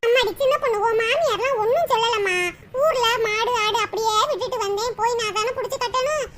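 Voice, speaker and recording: A woman voicing a meek, loving village mother in a cartoon, speaking gently and soothingly in a squeaky, high voice. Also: fast. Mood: gentle. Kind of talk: cartoon dubbing. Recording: noisy recording.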